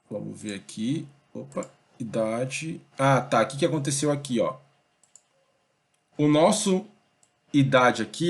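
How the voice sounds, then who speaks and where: A young man teaching a programming lesson in a relaxed, conversational way, thinking aloud and checking in with his students often. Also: mid-range voice. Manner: conversational, thinks aloud, many fillers like "beleza?" and "ó". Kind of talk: casual screen-recorded coding lesson.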